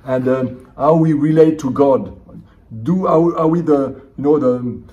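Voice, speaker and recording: French-accented man, mellow and off-mic. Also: medium pitch, a little slow, distant mic, lo-fi sound. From France. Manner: thoughtful, restarts phrases, gestures a lot. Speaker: theology professor and seminary dean. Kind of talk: conference interview. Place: indoor conference room.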